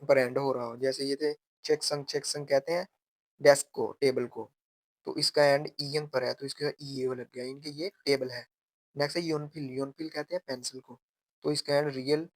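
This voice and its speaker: A man teaching grammar step by step, repeating and slowly drawing out example phrases. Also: fairly high pitch, dry recording. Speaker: language teacher.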